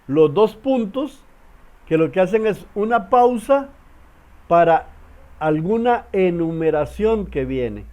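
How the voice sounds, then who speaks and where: A man with a fairly high voice teaches a writing workshop at an unhurried pace. He explains patiently, often stalling on repeated words and fillers. The recording sounds dull and lo-fi. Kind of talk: online class lecture.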